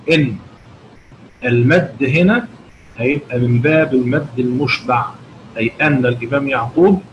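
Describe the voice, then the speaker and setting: A man with an Egyptian Arabic accent teaching Quran recitation rules, asking his students rhetorical questions and answering them himself. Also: medium pitch. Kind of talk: explanatory lesson with chanted recitation examples. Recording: dull lo-fi recording with noticeable background noise.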